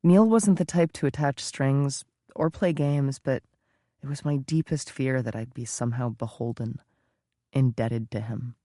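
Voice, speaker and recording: A man's voice: mid-range voice, unhurried, warm tone, no echo. A man narrating a first-person audiobook in an intimate, confessional manner, close to the mic.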